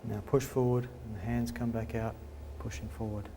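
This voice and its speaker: A man's voice: on the low side, flat delivery, moderate pace, warm tone, slight background noise. A man instructor gives simple, direct tai chi cues, walking through movements step by step.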